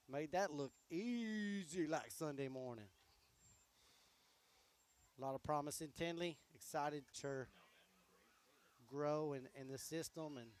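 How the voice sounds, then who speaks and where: A man calling high school softball play-by-play, easygoing and chatty between pitches, his voice going hoarse. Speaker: play-by-play announcer.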